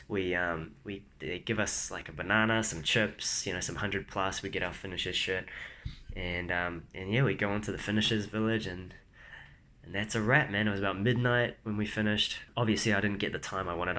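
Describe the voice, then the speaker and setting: A man's voice: sits low, pushed and bright, a little hiss or hum. Laid-back young man telling a race story. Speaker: vlogger. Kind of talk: casual storytelling vlog.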